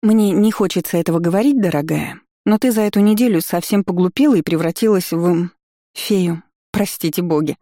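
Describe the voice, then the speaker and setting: An audiobook reader voicing a lively young woman who fires off questions and scolds her friend. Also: medium pitch, dry recording, studio quality, natural voice. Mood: exasperated. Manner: exclaiming, chiding, quick questions. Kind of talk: audiobook character voice.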